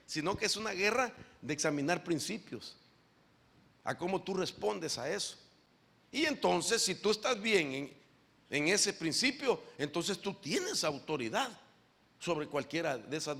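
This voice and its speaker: A man preaching a sermon as an apostle. He is animated, asks the congregation questions directly and keeps calling them brother. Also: sits high, gravelly, breathy edge.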